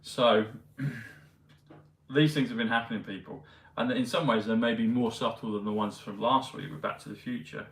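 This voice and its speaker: A man vlogging in a meandering, hesitant casual monologue full of pauses and fillers. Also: lowish voice, steady tone, fairly bright tone. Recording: roomy, mic at a distance, faint ambience.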